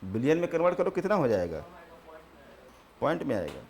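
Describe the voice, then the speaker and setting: A man teaching a geography class, repeating terms slowly for notes and answering his own questions. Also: a little high, very animated, a little mellow, slight background noise. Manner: repeats key terms slowly for students to write.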